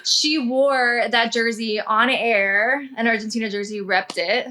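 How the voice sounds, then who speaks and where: Young woman, co-host, casual chat, teasing, animated, bright, slightly high voice. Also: a little slow. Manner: animated, teasing, laughs easily. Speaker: podcast co-host.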